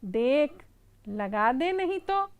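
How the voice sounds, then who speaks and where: A woman voicing a small, boastful male mouse who talks in a high, loud, bossy way, as in a children's storybook reading. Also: very animated, slow, full character voice. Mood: threatening.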